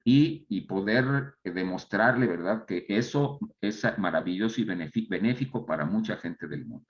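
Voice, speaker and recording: A man's voice: fairly low pitch, lively intonation, moderate pace, highs cut off. A man, an entrepreneur and mentor talking reflectively as a guest, often restarting his phrases. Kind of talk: casual conversation.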